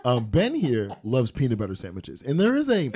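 A man's voice: mid-range voice, wildly swooping pitch, normal speed, mellow, husky. A young man co-hosting a podcast, chatting casually and wandering into playful side stories. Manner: rambling, playful storyteller with side notes. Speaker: podcast co-host. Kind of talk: casual chat.

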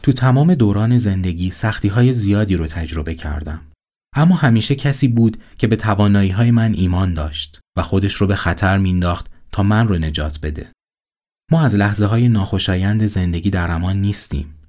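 A man narrating a motivational story in a calm, earnest voice-over. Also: on the low side.

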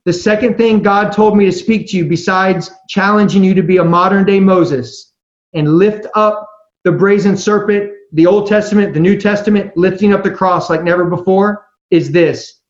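Male preacher, high-pitched voice, earnest conversational exhortation with emphatic phrasing, roomy and slightly dull recording. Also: steady tone. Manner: earnest, emphatic, slows for scripture and key phrases. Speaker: youth preacher speaking to youth leaders. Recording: echoey room, slightly dull sound.

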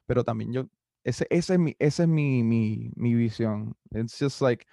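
A young man of twenty with a Puerto Rican Spanish accent, a musician answering interview questions in a relaxed, rambling way with many fillers. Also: medium pitch, a little slow, vocal fry, no room sound, studio quality. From Puerto Rico. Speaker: musician guest. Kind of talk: casual interview, mixing Spanish and English.

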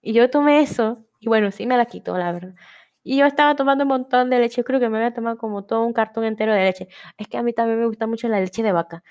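A woman's voice: on the high side, fast talker, darkish tone, clear, resonant tone. Young woman, panamanian accent, podcast host, chatty, rambling, restarts her words. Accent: Panamanian Spanish. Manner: rambling, chatty, self-interrupting. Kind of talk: casual solo podcast chat.

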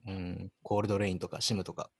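A Kansai-accented man in his twenties, a band member, tells a story on a casual radio chat, relaxed and poking fun at himself. His voice is low and creaky, and he talks fast.

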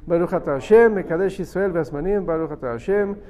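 A man's voice: high-pitched, fast talker, dark tone. A man teaching a religious class as a rabbi, emphatically reading and translating a text phrase by phrase and explaining it step by step.

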